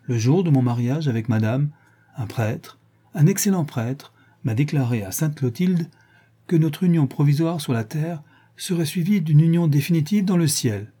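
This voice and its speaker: A man's voice: a little high, lively intonation, normal speed, dark tone, breathy edge. A man reading the part of Raoul, a rival husband who speaks curtly and formally. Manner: curt and formal. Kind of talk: audiobook character reading.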